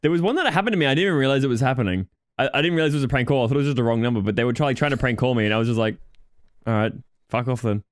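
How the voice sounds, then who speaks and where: A man's voice: mid-range voice, rapid-fire, no room sound, studio quality. A young man co-hosting a podcast, blunt and teasing, swearing freely in casual chat. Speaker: podcast co-host.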